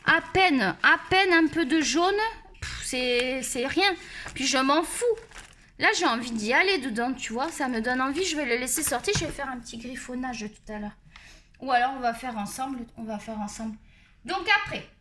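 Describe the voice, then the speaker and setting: A woman's voice: high-pitched, pushed and bright, a little hiss or hum. A woman chatting at home as she shows off her art supplies, rambling and talking straight to her viewers. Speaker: art vlogger. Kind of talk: chatty product show-and-tell.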